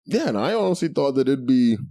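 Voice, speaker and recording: A man's voice: mid-range voice, sing-song, fairly quick, mellow, no echo, studio quality. A man co-hosting a podcast, chatting casually with profanity, sarcasm and frequent laughter. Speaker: podcast co-host. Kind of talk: casual chat.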